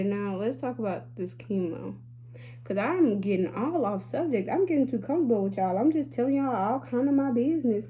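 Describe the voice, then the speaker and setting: Chatty and sassy, a beauty vlogger in her late twenties talks openly to her audience in a relaxed vlog and addresses them as y'all. She has a warm voice pitched a little high.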